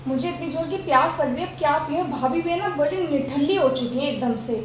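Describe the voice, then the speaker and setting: A woman's voice: sits high, brisk, slight background noise, close to an everyday voice. A woman playing a demanding, bossy married sister-in-law who complains and gives orders, in a homemade family skit. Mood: complaining. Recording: echoey room.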